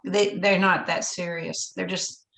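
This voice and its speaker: Woman, board member, unhurried slow pace, echoey room, informal meeting remarks. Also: on the low side, flat delivery, vocal fry, fairly bright tone.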